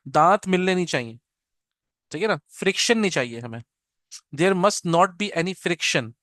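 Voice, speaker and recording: A man's voice: sits high, lively intonation, a little slow, fairly bright tone, no room sound, clean studio sound. A man teaching Quran pronunciation in an online class, patiently explaining and repeating "theek hai na", slipping into English phrases and drawing out letter sounds to demonstrate them. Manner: mixes English phrases into Hindi-Urdu.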